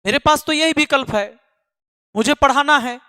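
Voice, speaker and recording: Emphatic high-voiced man scolding students. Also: moderate pace, bright, forceful tone, dry recording, studio quality, long reverb tail. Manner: emphatic and scolding, repeating lines for force. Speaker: online exam-prep math teacher. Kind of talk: impassioned address to students.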